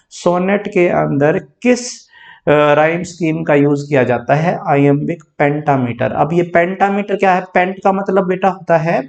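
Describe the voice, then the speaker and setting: High, gravelly male teacher explaining step by step. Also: a little mellow. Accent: Haryanvi Hindi. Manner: explains step by step, asks and answers his own questions; mixes English terms into Hindi speech. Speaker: English literature teacher. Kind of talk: exam-prep lecture.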